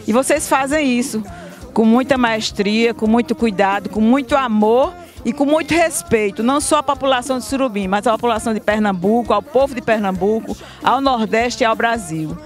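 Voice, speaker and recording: A woman's voice: fairly high pitch, normal speed. A middle-aged woman with a Northeastern Brazilian accent giving an informal thank-you speech outdoors on a handheld mic, often adding tag questions. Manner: frequent tag questions seeking agreement. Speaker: family member of the event organisers giving thanks. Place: outdoors, standing before a group. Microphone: handheld microphone. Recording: outdoor report with faint music bed.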